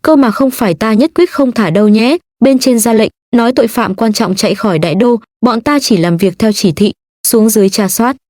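A woman's voice: a little high, a little fast, hardly any pauses, darkish tone, no echo, clean studio sound, lightly acted. A woman voicing a rude, bossy male soldier captain who barks orders, in a read-aloud story. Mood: gruff. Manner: barking, scornful.

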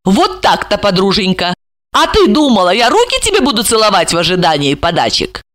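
A woman's voice: mid-range voice, very animated, brisk, fairly bright tone. A woman reading aloud, voicing a scheming young woman who taunts and mocks her victim. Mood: taunting. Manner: sneering, taunting.

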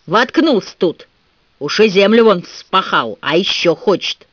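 A man's voice: sits high, lively intonation, a little slow, fairly bright tone, dry recording, heavily acted. Crude jeering lout played by a man, growled, rowdy delivery, dry lo-fi audiobook. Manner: rough growling jeers. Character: coarse jeering male onlooker, gleeful and crude.

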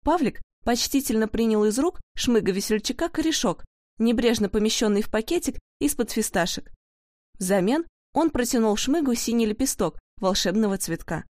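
A woman narrating a children's storybook in a lively, expressive way. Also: on the high side, moderate pace, no room sound, clean studio sound.

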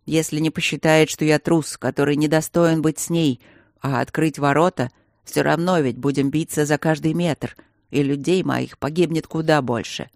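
A man voicing an enraged male castle commandant who growls his lines in a slow, heavy, hoarse voice. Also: on the high side, steady tone, darkish tone, dry recording, studio quality. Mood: grim fury.

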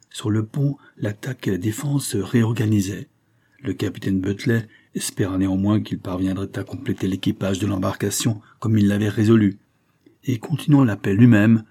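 A man reading a classic novel aloud in a low register, with a dark, mellow tone and a husky edge. His delivery is measured and dramatic. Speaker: narrator.

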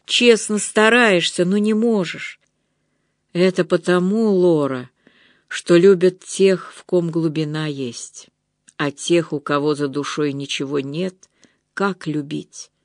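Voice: mid-range voice, slow, no room sound, studio quality. A reader voicing a distraught young woman full of guilt and envy, tearful and pleading in an audiobook. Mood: anguished. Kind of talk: audiobook reading.

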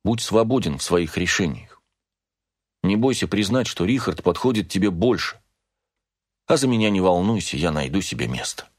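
A man voicing a despairing young son who speaks quietly, tired and resigned, read as an audiobook character. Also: sits low, animated, moderate pace.

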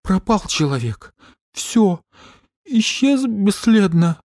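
A man's voice: high-pitched, very animated, takes it slowly, darkish tone, no room sound, clean studio sound, pitched above the performer's own voice, heavily acted. A man reading aloud and voicing an anxious, emotional young woman who pleads and frets. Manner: pleading, tearful.

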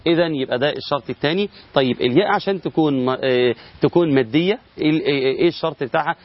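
A man's voice: a little high, very fast, no echo, muffled recording. A middle-aged man with an Egyptian Arabic accent teaching Quran recitation rules in a recorded lesson, explaining step by step, asking and answering his own questions and drawing out sample words.

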